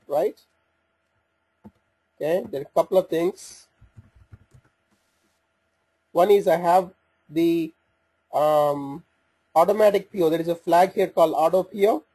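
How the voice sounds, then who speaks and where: In a voice-over for a screen recording, a man whose pitch sits a little above average demonstrates software in a soft, mellow tone with a slightly raspy edge. He explains each step informally and haltingly, thinking aloud as he works the screen.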